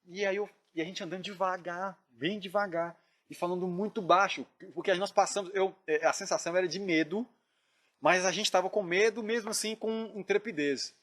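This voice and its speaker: A man earnestly retelling a dream in casual storytelling, often dropping his voice to a hush. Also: sits high, steady tone, normal speed. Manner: earnest, drops to hushed tones when reliving tense moments. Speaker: dream narrator.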